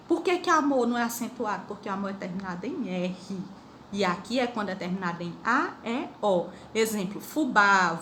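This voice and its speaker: A middle-aged Brazilian woman teaching a grammar lesson to schoolchildren, explaining slowly and asking the pupils questions. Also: medium pitch, a bit bright. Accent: Brazilian Portuguese. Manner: slow, drawn-out explanations with repeated questions to pupils. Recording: echoey room with faint noise.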